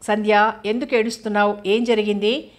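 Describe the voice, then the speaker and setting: A woman reading the part of a troubled young man in an audio novel, speaking earnestly and pleadingly in a flat, even tone. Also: medium pitch, a little fast, lightly acted. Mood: worried.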